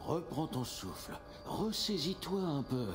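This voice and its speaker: A middle-aged magistrate from a dubbed video game with a lively, wide-ranging delivery, smooth and reassuring or loudly proclaiming. Strong game music plays under him. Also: male voice, a little high, a little slow. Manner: soothing, then shouting verdicts. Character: male city magistrate, smooth, falsely reassuring. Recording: game audio with loud music.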